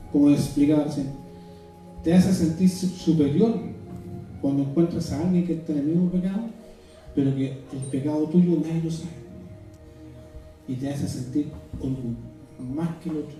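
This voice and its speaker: A man preaches in a high yet very dark, mellow voice, pausing and restarting as he reads and explains scripture. He is picked up from far off in a very echoey church hall. Soft music plays faintly behind him. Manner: earnest, halting, with many restarts. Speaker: evangelist preacher. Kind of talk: sermon with scripture reading.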